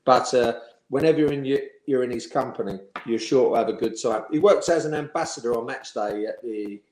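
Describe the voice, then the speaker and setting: Speaking a little fast, this man in his sixties is an ex-footballer being interviewed, spinning stories about his time on the pitch. He laughs along, acts out whoever he's quoting, and keeps an ordinary mid-range pitch. An echo suggests a sparse, bare room.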